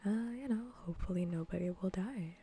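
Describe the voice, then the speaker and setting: A woman livestreamer games while chatting casually in an ASMR style, her lowish voice soft, breathy and often whispering. She talks briskly and scolds in a playful way.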